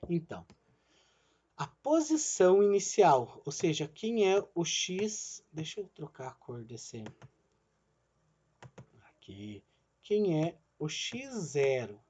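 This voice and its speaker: Male teacher, slightly high voice, online lesson, step by step, checks in often, muffled lo-fi audio. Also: big pitch swings, takes it slowly, long pauses, dark tone, breathy edge. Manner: explains step by step, asks "né?" and "certo?" after each point; calls himself "the teacher" in the third person. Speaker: physics teacher. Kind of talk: recorded online lesson at a drawing screen.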